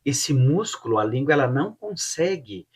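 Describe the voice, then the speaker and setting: Husky man teaching pronunciation. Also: medium pitch, very animated. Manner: slow, repeats words to model pronunciation. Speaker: Portuguese teacher. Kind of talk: explanatory lesson.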